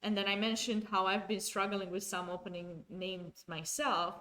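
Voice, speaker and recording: Speaking at normal speed with a sharp tone, a Romanian woman whose first language is Romanian commentates a live chess game. Her medium-pitched voice shows little pitch movement, and she chats with viewers, correcting herself and often restarting sentences.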